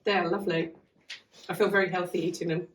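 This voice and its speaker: A woman with a lowish voice talks in a chatty, rambling way, often laughing at herself. She is heard from slightly off the mic. The sound rings around a roomy, half-open farm building. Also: little pitch movement, fast talker, slight background noise. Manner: chatty and rambling, self-deprecating. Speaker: guest running a farm learning hub. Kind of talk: casual podcast chat. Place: half-open converted cart lodge on a farm. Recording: echoey room, mic at a distance.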